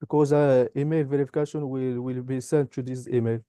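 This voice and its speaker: Halting, dark-voiced man from Morocco. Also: medium pitch, level tone, clean tone, dry recording, clean studio sound. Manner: halting non-native English, many "uh" pauses. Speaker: software engineering graduate. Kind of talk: interview answers and product demo.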